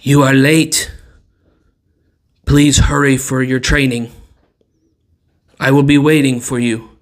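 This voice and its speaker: Stern trainer yelling thru a door, muffled and curt, a bit louder than normal, the dm voicing him. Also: male voice, mid-range voice, fairly even intonation, takes it slowly. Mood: urgent. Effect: muffled behind a door.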